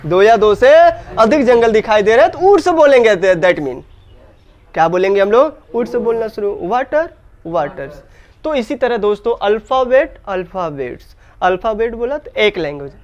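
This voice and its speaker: A man from India leads an English grammar lesson in Hindi, his voice sitting fairly high for a man. He fires questions at the class and often answers them himself, going over each point again and again in a classroom lecture. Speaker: English teacher.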